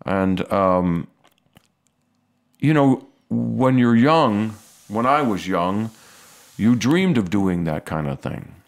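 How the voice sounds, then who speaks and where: Low-voiced American man, relaxed. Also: slow, faint music behind. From United States. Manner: relaxed, hesitant with fillers. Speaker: guest musician. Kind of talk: casual conversation.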